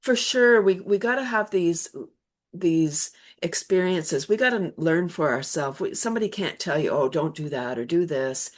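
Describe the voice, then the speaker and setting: A woman's voice: lowish voice, animated, moderate pace. A woman from Canada, a laughter yoga guest, chatting casually in an interview and telling stories that she acts out with quoted voices and frequent laughs. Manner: warm storytelling, laughs often, acts out quotes.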